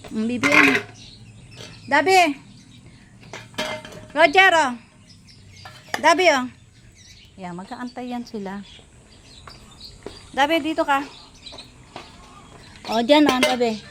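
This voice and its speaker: Woman, out of breath, high swooping voice, calls to her dogs by name, faint outdoor noise. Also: expressive, takes it slowly, long pauses. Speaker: vlogger. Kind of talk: casual vlog, talking while feeding dogs. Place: outdoors in the yard of a rural home.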